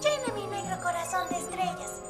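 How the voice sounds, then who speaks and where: A tiny, very high-pitched cartoon fortune machine chants in Latin American Spanish. It sounds childlike and eerily cheery, with loud jingly music behind it. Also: female voice, lively intonation, normal speed. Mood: mystical, gleeful.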